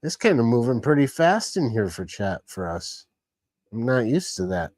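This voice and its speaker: A man's voice: mid-range voice, very animated, moderate pace, darkish tone, no echo. A man casually hosting a live stream, rambling along and greeting chat viewers by name. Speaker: livestream host.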